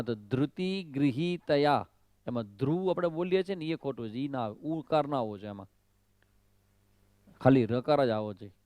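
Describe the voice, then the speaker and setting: A swami from Kutch, Gujarat, drills his students on proper Sanskrit pronunciation of the Gita, repeating syllables again and again, quizzing them, and dropping in English phrases. His voice is male, mid-range, and mellow, captured in a dry recording.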